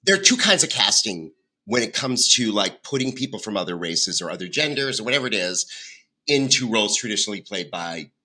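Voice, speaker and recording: A man's voice: fairly low pitch, sing-song, a little fast, pushed and bright. A man in his fifties hosting a podcast, chatting and reminiscing in a loose, filler-filled way. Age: 50s. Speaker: podcast host. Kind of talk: casual chat.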